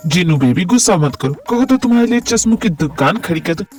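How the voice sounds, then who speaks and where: A woman's voice: fairly low pitch, expressive, a little fast, a little mellow, voice pushed down, lightly acted. A woman voicing a doting, clumsy older brother-in-law who fusses and soothes, heard from a distance over faint music.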